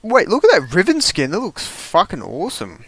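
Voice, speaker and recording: A man's voice: sits high, huge pitch swings, moderate pace, a bit bright, husky, no room sound. A young man chatting with friends over voice chat while gaming, teasing them crudely and over-explaining himself. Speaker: gamer in voice chat. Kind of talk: casual gaming banter.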